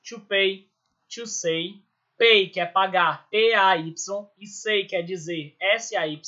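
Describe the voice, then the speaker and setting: A Brazilian man with a high, bright voice teaches an English grammar lesson in a slow, unhurried way. He walks through each rule step by step and keeps checking in with his students. The recording sounds a little dull and lo-fi. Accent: Brazilian Portuguese. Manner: explains step by step, checking in with "certo?" and "beleza?".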